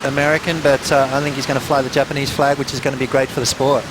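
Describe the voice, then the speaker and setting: A man's voice: mid-range voice, little pitch movement, quick pace. A man giving conversational, laid-back surf replay analysis, explaining each move as it happens. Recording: clear surf noise behind. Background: ocean waves.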